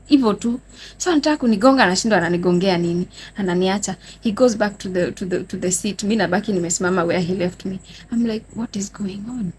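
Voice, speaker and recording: A woman's voice: mid-range voice, quick pace, a little hiss or hum. A young Kenyan woman with a Kenyan accent, telling a dramatic personal story to her viewers in a casual vlog. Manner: animated, dramatic storytelling addressing viewers as guys. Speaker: vlogger. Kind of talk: storytime vlog, mixing Swahili and English.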